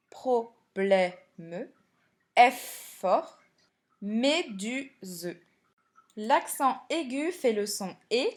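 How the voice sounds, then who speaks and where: A woman teacher giving a recorded spelling lesson to primary pupils, explaining slowly and clearly and speaking to them directly. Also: fairly high pitch.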